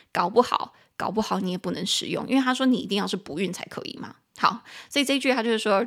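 A woman's voice: mid-range voice, vocal fry. Chatty Taiwanese woman teaching English. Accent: Taiwanese Mandarin. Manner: chatty, spells words out slowly, self-correcting. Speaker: podcast host teaching English. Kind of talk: casual podcast lesson.

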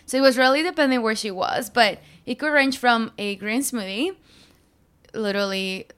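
Young woman from Mexico, podcast guest, smooth clear voice, loose and chatty. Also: a little high, normal speed, a bit bright. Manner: chatty, filler-heavy, laughs easily. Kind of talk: casual interview chat.

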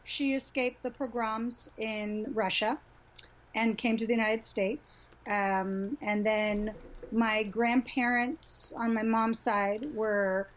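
A middle-aged woman from Honduras speaks as a podcast guest over a video call. Her voice sits a bit high, and the audio is muffled and lo-fi. She talks reflectively with easy restarts and soft laughs. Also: steady tone, slow. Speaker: guest, sexuality educator. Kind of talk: casual interview talk.

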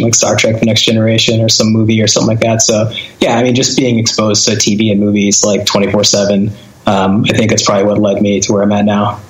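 Laid-back rambling man in a roomy space. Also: lowish voice. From born in Boston, raised in Connecticut and Wisconsin. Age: 30s. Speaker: interview guest, filmmaker and former hardcore musician. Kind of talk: casual podcast conversation. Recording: roomy echo.

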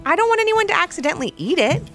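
A woman's voice: very high voice, sing-song, faint music behind, voice pushed up, full character voice. A woman voicing an exasperated mother scolding her family in a children's story. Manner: brisk, scolding.

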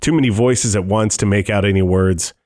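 A man's voice: on the low side, brisk, darkish tone. A man reading a first-person thriller audiobook in a tense, wry inner-monologue voice. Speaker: narrator.

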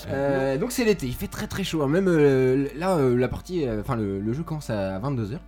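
Male game master, animated narration, light music under. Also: mid-range voice, normal speed. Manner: lively, hesitant with fillers. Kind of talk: tabletop game narration and chat. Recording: faint music behind.

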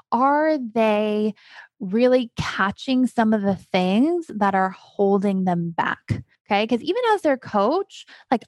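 A woman's voice: fairly high pitch, dry recording. A woman, a coach hosting her own podcast, talking casually and emphatically, firing off rhetorical questions. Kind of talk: casual solo podcast talk.

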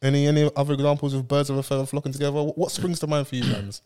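A man with a London roadman accent talks very quickly in loose street slang. He is jokey and animated, bantering casually as if among friends on a podcast. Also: medium pitch, clear, resonant tone. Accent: London, urban street style.

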